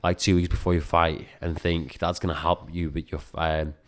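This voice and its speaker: A strength and conditioning coach chats informally in an interview, rambling and dropping plenty of filler words. He can't pronounce his R's, saying w instead. His voice sits low, with a flat delivery at a moderate pace.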